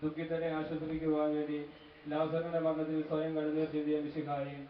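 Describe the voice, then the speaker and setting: A man leading funeral prayers, reciting steady chanted intercessions. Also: on the high side, a little fast. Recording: distant, echoey, dull recording with faint noise.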